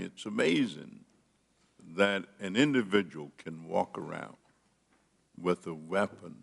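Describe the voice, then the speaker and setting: A man speaking as a politician at a legislative hearing, delivering deliberate, emphatic oratory with dramatic pauses. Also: deep voice, creaky. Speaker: politician, member of Congress. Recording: reverberant hearing room.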